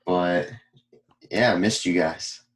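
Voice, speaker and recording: A man's voice: low voice, slow pace, crowd noise. A man co-hosting a casual podcast over a video call, rambling with ums and laughs. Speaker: podcast co-host. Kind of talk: casual chat. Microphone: remote call mic.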